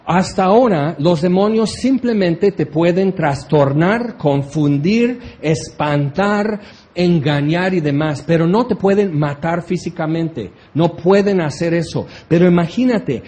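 A man teaching a Bible passage as a preacher, chatty and animated, often slipping into mock voices. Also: sits high, a little slow.

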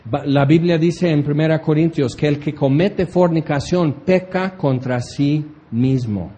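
A man teaching a Bible passage as a preacher, chatty and animated, often slipping into mock voices. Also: fairly high pitch, unhurried.

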